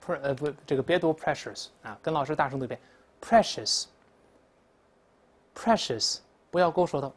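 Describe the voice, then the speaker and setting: A woman's voice: low-pitched, very fast, hardly any pauses, darkish tone. A woman teaching English in a classroom lecture, explaining answers and leading repeat-after-me pronunciation drills.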